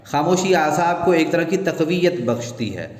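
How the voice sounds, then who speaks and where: A man's voice: on the high side, lively intonation, a little mellow, natural voice. Man reading as a courteous formal doctor. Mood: advising. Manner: courteous, advising. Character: polite formal male doctor. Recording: echoey room, long reverb.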